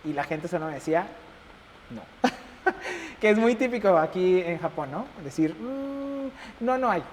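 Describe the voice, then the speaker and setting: A young Mexican man with a Mexican accent, chatting casually as an interview guest and telling stories with lively acted-out dialogue. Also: on the high side, a little slow. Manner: animated, acts out quoted dialogue, laughs often. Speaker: embassy chef, interview guest. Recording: reverberant room with faint noise.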